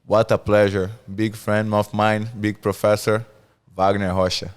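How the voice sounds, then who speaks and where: A man's voice: lowish voice, flat delivery, unhurried, smooth. A man hosting a jiu-jitsu podcast, introducing and questioning a guest in slightly non-standard English. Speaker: podcast host.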